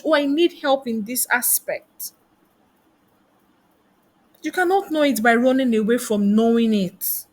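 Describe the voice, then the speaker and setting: Brief: woman career coach, husky and fairly high voice, preachy rhetorical teaching. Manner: asks many rhetorical questions. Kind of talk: motivational teaching talk.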